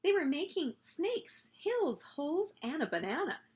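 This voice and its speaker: A woman hosting story time reads a picture book aloud to young children, expressive and animated. Her voice sits high and her pace is a little slow.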